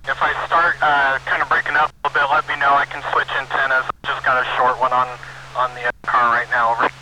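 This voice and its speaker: A man's voice: mid-range voice, little pitch movement, fast, background noise. A man giving field reports as a mobile storm spotter over a two-way radio.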